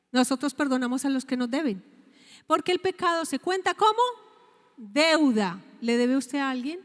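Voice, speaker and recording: A woman pastor with a Colombian Spanish accent delivers a sermon in a high voice. She keeps asking her listeners questions and answers them herself. Her words ring out with a long reverb from the church hall. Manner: preaching with rhetorical questions to the congregation.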